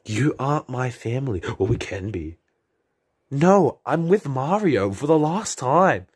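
A man voicing an unimpressed princess in his own low, husky voice, speaking dryly and dismissively. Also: lively intonation, moderate pace, darkish tone. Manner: dry, dismissive. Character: unimpressed female princess Peach.

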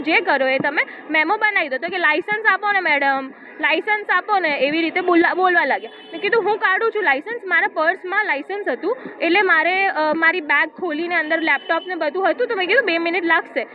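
A woman giving a steady first-person account of an incident, quoting what was said to her. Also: very high-pitched. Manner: steady retelling, quotes dialogue. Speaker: complainant giving a statement. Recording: tinny phone-like audio with faint noise.

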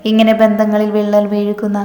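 A woman narrator voicing a hopeful, quietly scheming young woman who talks in a soft, persuasive way. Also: medium pitch, monotone, quick pace, natural voice. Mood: coaxing. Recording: echoey room reverb, soft music.

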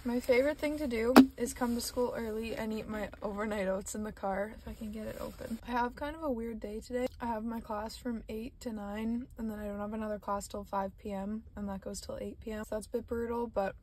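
A woman in her 20s chats casually to camera like a student vlogger making a daily vlog, filmed in a parked car and a home kitchen. Her fairly high, darkish voice is steady and fairly quick, with few pauses. Background noise from the car and kitchen can be heard.

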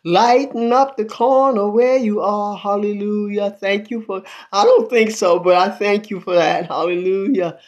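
A woman's voice: medium pitch, fairly even intonation, measured pace, few pauses, a little mellow, lo-fi sound. An 82-year-old woman chatting on a phone livestream from a small room at home, calling out praise and thanks to God between greetings to viewers. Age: 80s. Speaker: livestream host. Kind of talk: casual livestream chat. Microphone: phone at arm's length.

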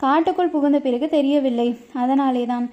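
A woman's voice: high-pitched, fairly quick, close to an everyday voice. A woman voicing a boastful, teasing young male warrior in a storybook reading, with bantering, mock-dramatic lines. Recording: dull lo-fi recording.

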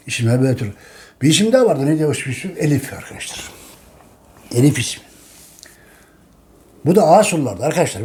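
A man's voice: medium pitch, a little mellow. A man hosting a casual history monologue, talking emphatically and repeating his points while addressing his listeners as friends. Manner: emphatic, preaching tone. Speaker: history channel host.

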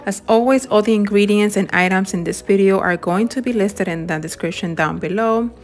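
A woman narrating her home decorating and baking in a gentle, enthusiastic voice-over, walking through each step. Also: mid-range voice, brisk. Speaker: home and cooking vlogger.

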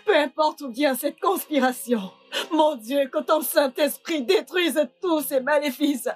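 A woman's voice: high voice, measured pace, soft background music. An actress dubbing a distressed woman who pleads her innocence and prays tearfully. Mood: pleading. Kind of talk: dubbed film drama.

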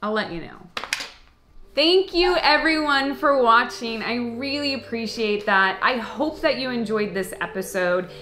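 A woman's voice: a little high, a little slow, hardly any pauses, pushed and bright, a little hiss or hum. A woman hosting her own channel, casually and playfully answering viewer comments and laughing often. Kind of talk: casual chat to camera. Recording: echoey room.

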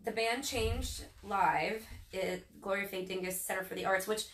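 A woman from Northern Virginia co-hosting a casual live stream, reading event listings in a chatty way with many ums, her voice a little hoarse. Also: mid-range voice, fairly even intonation, unhurried, crowd noise. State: losing her voice. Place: local speed shop, indoors. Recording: echoey room, far from mic, faint noise.

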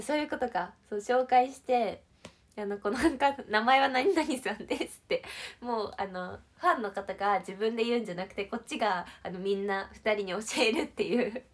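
A young woman from Shizuoka, Japan, hosting a casual livestream and chatting with viewers in a bubbly, playful, giggly way. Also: fairly high pitch. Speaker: idol livestream host. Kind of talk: casual livestream chat reading comments.

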